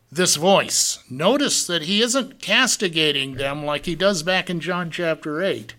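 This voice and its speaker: A man's voice: sits high, sharp tone. A man preaching a verse-by-verse sermon, asking the congregation rhetorical questions and drawing out key words for emphasis.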